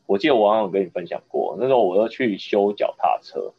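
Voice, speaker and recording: A man from Taiwan hosts a relaxed podcast conversation, slipping into lively storytelling. His voice is a little husky and sits in a middle register, recorded with a dull, lo-fi sound. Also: sits low, fast talker. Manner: storytelling, animated when recounting anecdotes. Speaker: podcast host. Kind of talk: casual interview chat.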